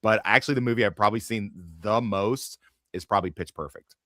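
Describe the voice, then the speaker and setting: A man with a fairly low voice hosts a loose panel chat, swearing and rambling between laughs. His tone is bright and forceful, and the sound is dry and close. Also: quick pace, dry recording. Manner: profane, rambling, laughs often. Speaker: podcast host.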